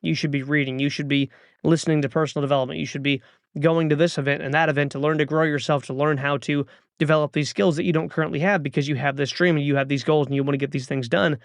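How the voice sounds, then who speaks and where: A gravelly man in his thirties hosts a podcast, his fairly high voice holding a steady tone as he talks fast. He delivers an earnest motivational monologue, urging listeners on with repeated calls to action. The recording is studio quality with no echo.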